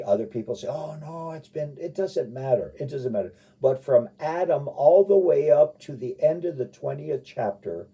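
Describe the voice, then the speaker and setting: A man preaching and teaching the Bible in an informal, folksy, rambling way with emphatic repetition, his husky voice caught in muffled live radio sound. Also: medium pitch, mellow. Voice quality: husky, gravelly.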